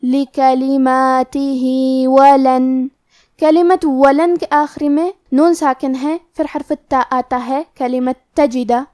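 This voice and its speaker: A woman teaching Quran recitation rules, explaining each rule methodically and then reciting the words slowly and drawn out. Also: high voice, steady tone, darkish tone.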